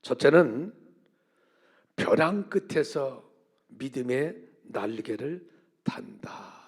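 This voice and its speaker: A man in his seventies, a senior pastor giving a Sunday sermon, swinging between loud emphatic preaching and hushed whispers and putting folksy questions to the congregation. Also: fairly high pitch, gravelly, slightly rough. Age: 70s.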